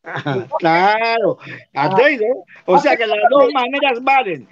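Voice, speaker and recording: A man teaching, explaining spelling and pronunciation slowly and repeating words to show how they sound. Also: very high voice, expressive. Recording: dull lo-fi recording.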